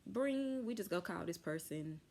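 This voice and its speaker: Young woman vlogger, lower-pitched, animated storyteller who swears and gets loud when angry, talking at home. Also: moderate pace, a little hiss or hum. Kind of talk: casual storytelling chat. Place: home room.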